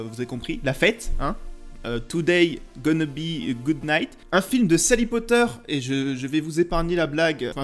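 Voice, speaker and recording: A young man talks casually about films for his podcast, joking at his own expense. His voice sits a bit high and he trips over himself with hesitant fillers. Quiet music plays behind him. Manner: playful, self-mocking, many filler "euh"s. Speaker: podcast host reviewing films. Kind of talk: casual comic monologue.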